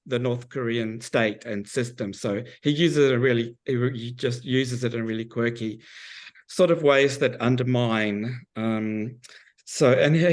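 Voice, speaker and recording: A man with a hoarse, froggy voice from a cold, informally explaining his research work in a hesitant, halting way. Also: medium pitch. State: losing his voice with a cold, clearing his throat. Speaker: academic researcher. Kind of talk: informal account of work to a group.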